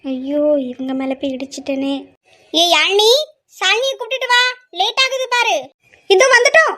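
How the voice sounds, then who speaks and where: A cheeky teenage girl, as a woman voices her, bickering with her sister and teasing with playful threats. The voice is squeaky-high and piercingly bright. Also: moderate pace. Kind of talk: amateur audio drama acting.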